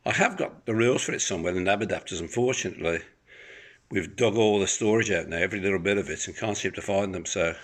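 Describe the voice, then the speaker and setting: Deep-voiced and talking fast, a private seller gives an informal, unrehearsed demonstration of an item, rambling and hesitating as he goes. He films indoors in his apartment's living room, holding the phone himself from behind the camera.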